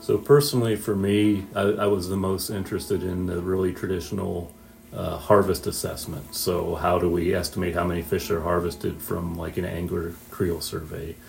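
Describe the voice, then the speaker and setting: A fisheries administrator in his forties from Northwest Ohio answers interview questions in a measured manner, pausing often and restarting sentences. His voice is low, level and gravelly, with soft music in the background.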